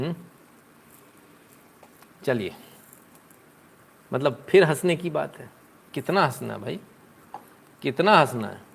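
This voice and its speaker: A man's voice: mid-range voice, creaky, a bit bright, slightly rough. A man giving live political commentary on a stream, sarcastic and chatty, answering viewers' comments as he talks.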